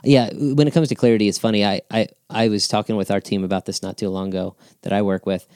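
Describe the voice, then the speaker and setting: A man's voice: fairly low pitch, fairly even intonation, fast, darkish tone, clean tone, no room sound, studio quality. A man giving earnest, emphatic teaching on handling hard conversations, often repeating words as he talks.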